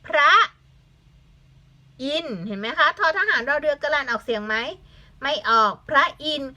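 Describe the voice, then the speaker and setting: A woman's voice: high-pitched, a little fast, pushed and bright, lo-fi sound. A young woman teaching a language lesson to children, patiently spelling words letter by letter, asking the class questions and adding English glosses.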